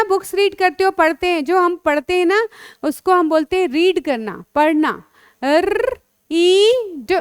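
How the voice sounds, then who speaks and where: A woman teaching children phonics, sounding out letters slowly and coaxing the pupils along. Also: very high voice, fairly bright tone, dry recording, clean studio sound. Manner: slow, drawn-out sounding of letters; coaxing, calls pupils beta.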